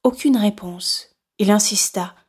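Woman, audiobook narrator, steady measured reading, mid-range voice. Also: medium pitch, husky. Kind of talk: scripted narration.

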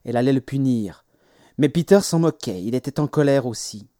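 A man reading stories aloud as an audiobook narrator, in a measured, expressive way. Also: medium pitch, no room sound, studio quality. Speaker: audiobook reader. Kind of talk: scripted narration.

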